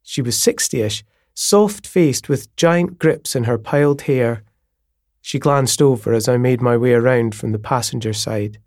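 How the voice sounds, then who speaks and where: A man's voice: medium pitch, steady tone, darkish tone, no echo, clean studio sound. Man narrating a novel. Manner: measured, descriptive storytelling. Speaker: audiobook narrator.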